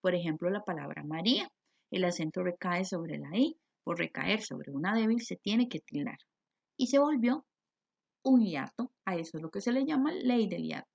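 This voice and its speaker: A woman's voice: fairly low pitch, expressive, moderate pace, gravelly. A Costa Rican woman teaching a recorded grammar lesson, explaining step by step and asking and answering her own questions. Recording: dull lo-fi recording.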